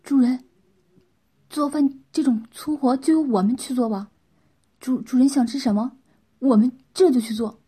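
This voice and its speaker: A woman's voice: high voice, normal speed, pauses often, warm tone, husky. A woman voicing a humble, eager servant who speaks deferentially in a story reading.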